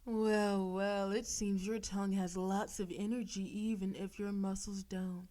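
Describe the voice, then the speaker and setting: A woman's natural, mellow, mid-range voice carries a level tone as she voices a demon-possessed, possessive girlfriend in an intimate audio roleplay. Teasing and sweetly patronizing, she coaxes slowly, dropping pet names alongside thinly veiled threats, her mood controlling and menacing.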